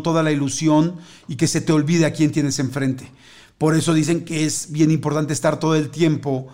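A man's voice: a little high, a little mellow. A man, chatting casually and telling a rambling story full of fillers. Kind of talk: casual chat.

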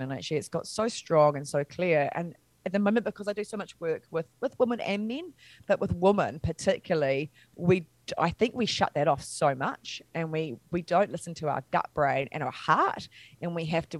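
Animated woman telling a personal story. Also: deep voice, no echo. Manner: animated, acts out quoted voices, laughs at herself. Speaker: interview guest. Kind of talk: candid conversational storytelling.

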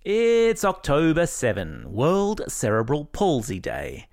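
Lively Australian man reading kids' news. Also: on the high side, takes it slowly, no echo, clean studio sound. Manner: upbeat, playful, jokey asides. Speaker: news podcast host. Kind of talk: scripted kids' news narration.

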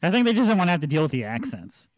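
A man hosting a podcast, telling a relaxed anecdote in casual chat and laughing along. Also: on the high side, rapid-fire, no echo. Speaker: podcast host.

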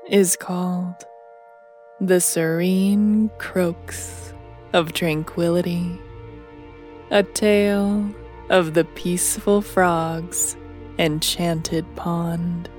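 A woman narrating a sleep story in a slow, soothing bedtime manner. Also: lowish voice, flat delivery, darkish tone, faint music behind.

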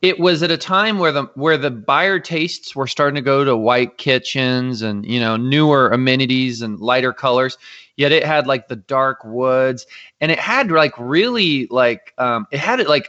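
A man co-hosting a casual podcast, chatty and animated, with frequent restarts. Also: mid-range voice, moderate pace, dull audio. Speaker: podcast co-host, real estate agent.

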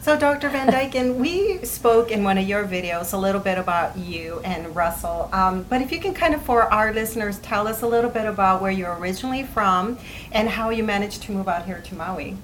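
A woman's voice: medium pitch, fairly quick, slight background noise, rough recording. Friendly woman co-host asking questions. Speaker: podcast co-host. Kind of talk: casual interview conversation.

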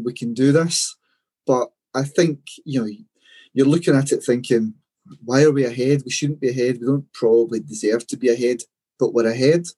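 Mellow, husky podcast co-host. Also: male voice, medium pitch. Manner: reflective, storytelling with many fillers. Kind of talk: casual sports podcast chat.

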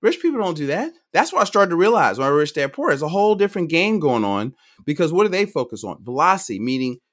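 A middle-aged man, a financial advisor guest on a podcast, talking quickly and energetically, often restarting his sentences. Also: on the high side. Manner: energetic, talks fast, jumps between points with restarts. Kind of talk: conversational podcast interview.

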